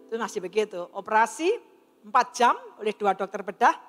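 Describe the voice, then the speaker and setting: A woman's voice: mid-range voice, expressive, brisk, fairly bright tone, soft background music. A middle-aged woman giving an earnest personal testimony to an audience in a large hall, acting out the dialogue she quotes as she tells her story. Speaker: testimony speaker. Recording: long reverb of a large hall.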